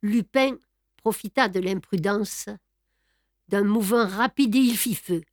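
A woman narrating a classic novel as an audiobook, with a dramatic, measured delivery. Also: mid-range voice, a little mellow, no echo, studio quality. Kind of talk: expressive reading of a classic novel.

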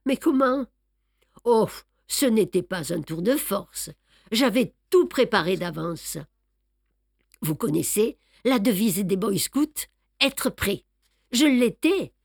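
A woman's voice: medium pitch, no room sound, clean studio sound. A woman putting on a smug older male detective. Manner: boastful, explaining, lively emphasis. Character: fussy, self-satisfied older male Belgian detective. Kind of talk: audiobook reading.

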